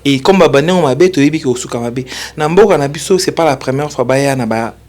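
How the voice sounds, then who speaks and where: A Congolese man as a studio guest, answering deliberately with fillers and mixing Lingala and French. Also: mid-range voice, darkish tone. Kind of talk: interview answers.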